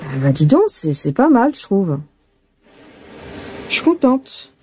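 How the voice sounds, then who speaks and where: A woman's voice: mid-range voice, sing-song, slow pace, dark tone. Chatty French woman teaching cross-stitch. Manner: chatty, thinking aloud, addressing viewer as tu. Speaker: cross-stitch tutorial host. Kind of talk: casual hands-on embroidery tutorial. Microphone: phone filming her hands.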